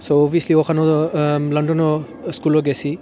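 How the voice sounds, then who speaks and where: A man's voice: fairly high pitch, completely flat delivery, racing, dark tone, slight background noise. A man in his forties from Bangladesh, raised in East London, speaking with a London accent tinged with Sylheti Bengali in a news interview, hesitant, with many ums, and slipping between English and Sylheti. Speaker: photographer.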